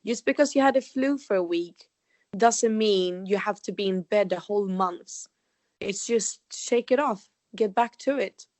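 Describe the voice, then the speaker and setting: A woman's voice: mid-range voice, a little slow, darkish tone, no room sound. Easygoing young Swedish-accented woman. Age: 20s. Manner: friendly, easygoing, laughs often. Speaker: podcast co-host, holistic health coach. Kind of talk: casual chat.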